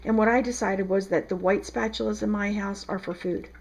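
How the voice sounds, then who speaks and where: A woman's voice: medium pitch, steady tone, a little fast, vocal fry, breathy edge. A woman with a South Jersey accent, chatting casually through a home tutorial as a soap maker in her kitchen, with frequent ums. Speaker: soap maker demonstrating a recipe. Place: home kitchen, second floor.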